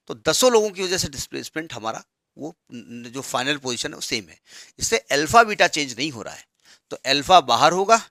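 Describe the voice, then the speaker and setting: A man's voice: fairly high pitch, bright, forceful tone, no echo, clean studio sound. A man teaching maths in a board lecture, explaining step by step and repeating terms as he writes. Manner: mixes Hindi with English terms.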